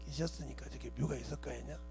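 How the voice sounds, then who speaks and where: A man preaching who puts on the voice of his elderly father, a stubborn man who honors his ancestors, speaking low and gruff and turning to scolding when pushed. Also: fairly even intonation, very fast, darkish tone, soft background music, natural voice. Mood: grumbling.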